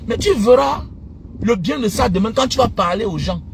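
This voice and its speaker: High-pitched, animated lecturing man. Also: moderate pace, vocal fry, noisy background. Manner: emphatic, lecturing, repeats phrases, bursts of shouting. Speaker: vlogger giving life advice. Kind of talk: casual preachy monologue.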